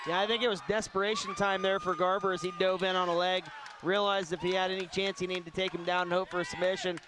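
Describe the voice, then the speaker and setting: Guy doing fight analysis, high voice, calm and explain-y, noisy feed. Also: fast talker. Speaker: color commentator.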